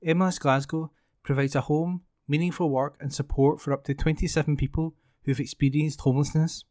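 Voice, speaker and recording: Male volunteer news reader, slightly high voice, dry close sound, formal delivery. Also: steady tone, a little fast, darkish tone, no echo. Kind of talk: reading news articles aloud.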